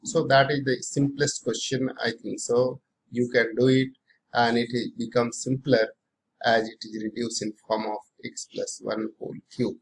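A man's voice: mid-range voice, level tone, normal speed, rough recording. A middle-aged man with an Indian accent teaching maths, working through problems aloud, often repeating phrases and posing questions to himself.

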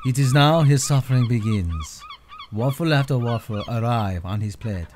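A man narrating a mock nature documentary in a hushed, solemn manner. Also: mid-range voice, animated, moderate pace, a little hiss or hum.

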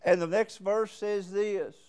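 A man preaching a sermon in a church, punctuating his points with calls of "amen" and rising to loud emphasis. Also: sits high, fairly even intonation, unhurried, smooth. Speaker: guest preacher. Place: church sanctuary.

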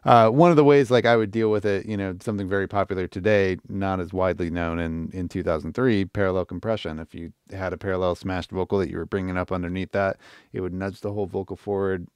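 A middle-aged man hosting a live stream, giving casual, animated feedback and thinking aloud as he chats to viewers. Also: low-pitched, fast talker, smooth, no room sound, studio quality.

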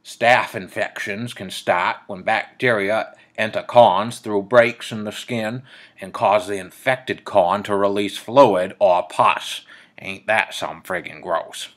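A man's voice: on the low side, fairly even intonation, takes it slowly. A man with a Downeast Maine accent reading an article aloud in a folksy manner.

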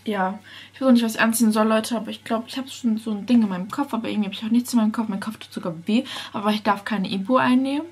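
A young woman vlogging casually at home on her phone, nervous and excitable, sometimes dropping into a whisper. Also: a little high, racing, husky. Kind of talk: casual vlog chat.

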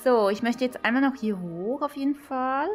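A woman, vlogging her VR tour in excited, gushing commentary to her viewers. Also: high voice, normal speed, soft background music. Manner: gushing, exclaiming, talking to viewers. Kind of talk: excited casual vlog commentary. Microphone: VR headset mic.

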